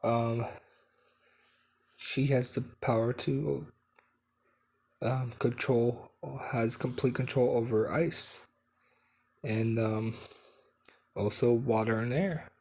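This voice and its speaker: A man's voice: mid-range voice, steady tone, slow pace, pauses often, a little mellow. Matter-of-fact doctor, as a man reads him. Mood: informing. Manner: plain, with fillers.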